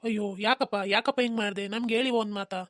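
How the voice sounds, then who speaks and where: A woman voicing a gentle, pleading young son who calms his angry mother in a cartoon. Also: on the high side, fast, no echo, clean studio sound, close to an everyday voice. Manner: soothing, pleading. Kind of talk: cartoon voice acting.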